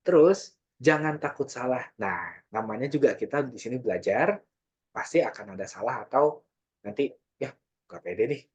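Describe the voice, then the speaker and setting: A man speaks in a relaxed, chatty way during an online workshop, now and then acting out little example lines for his listeners. His voice is slightly husky, of middling pitch. The sound is dull and lo-fi, like audio from a video call. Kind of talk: casual online workshop talk.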